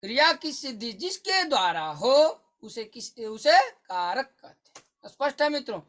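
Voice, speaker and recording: A man teaching an online exam-prep lesson, repeating key points to his listeners and slowly chanting verses in a sing-song way. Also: very high voice, sing-song, a bit bright. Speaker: Sanskrit teacher.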